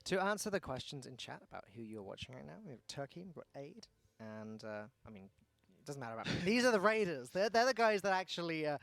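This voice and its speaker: A man's voice: on the high side, big pitch swings, fast talker, gravelly, hardly any pauses, a bit bright. A man hosting a livestream, chatting casually and asking his guests curious questions. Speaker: stream host.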